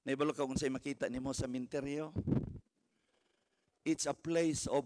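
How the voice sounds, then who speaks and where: A man in his seventies preaching a sermon as pastor, swinging from hushed murmurs to shouted exclamations and calling out for hallelujahs. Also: medium pitch, fairly even intonation, moderate pace, noisy background. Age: 70s. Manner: calls for hallelujahs, mixes English phrases into preaching.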